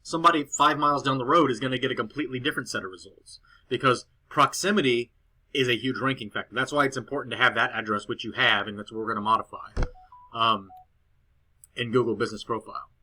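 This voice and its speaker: A man talks through a report in a relaxed, rambling way, full of fillers and restarts. His voice has a bright, forward edge and sits at an ordinary middle pitch. It sounds like a casual screen recording made on a cheap laptop at home. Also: fast talker. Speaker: SEO consultant presenting a client report. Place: girlfriend's house, indoors.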